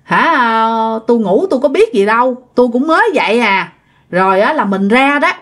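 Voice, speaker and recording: A woman's voice: fairly high pitch, lively intonation, moderate pace, a bit bright. A woman with a Southern Vietnamese accent voicing a humble, sickly young farmer husband who explains himself with puzzlement. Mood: puzzled.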